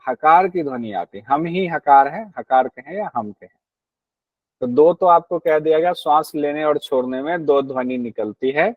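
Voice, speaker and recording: A man's voice: fairly high pitch, dry recording, low-quality recording. A man teaching a class on a yoga text, explaining patiently, repeating key points and asking his students questions.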